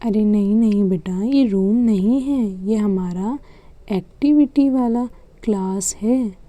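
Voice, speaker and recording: A fussy, worried schoolteacher , as a woman puts her on, in a doll-play cartoon, talking a little higher than usual. The voice is dark and mellow and sounds dry. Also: takes it slowly, dry recording, lightly acted. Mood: teacherly. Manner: teacherly, complaining. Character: strict schoolteacher madam, worried.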